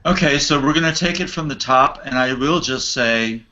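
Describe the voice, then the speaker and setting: A man's voice: medium pitch, moderate pace, bright, forceful tone. An American man directing and hosting a play reading over a video call, chatty and encouraging. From United States. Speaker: director and host. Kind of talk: casual directing chat. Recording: dull lo-fi video call audio.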